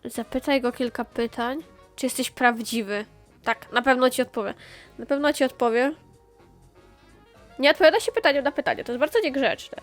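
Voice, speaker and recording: A woman giving excited gameplay commentary, chatting to herself with quick exclamations and repeated phrases. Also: sits high, soft background music. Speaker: gaming channel host.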